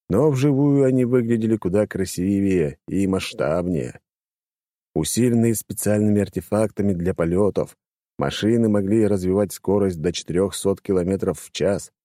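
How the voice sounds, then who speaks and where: A man narrating a first-person audiobook, expressive and wry. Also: sits low, dry recording, clean studio sound.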